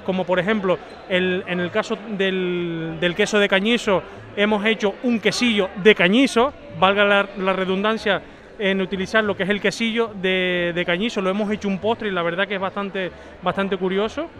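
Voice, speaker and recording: A man, a head chef answering interview questions through a face mask, halting with frequent restarts. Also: high-pitched, steady tone, fairly bright tone. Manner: halting, many restarts and fillers. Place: outdoor town square at a night festival.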